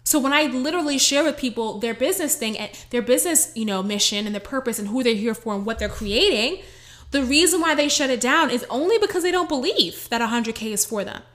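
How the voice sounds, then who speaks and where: A woman life coach giving a casual motivational talk, blunt and animated, with frequent swearing. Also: on the high side, fast.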